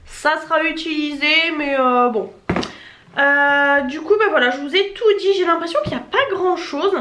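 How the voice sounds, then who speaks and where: A woman's voice: high voice, moderate pace. A young woman with a Marseille accent chatting casually to camera as a family vlogger, rambling and correcting herself as she unboxes. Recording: echoey room with faint noise.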